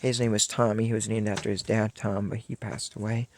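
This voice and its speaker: A man's voice: on the low side, flat delivery, fairly quick, slight background noise. A young man vlogging, telling a personal story in a rambling, heartfelt way. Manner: rambling, heartfelt, acts out past dialogue.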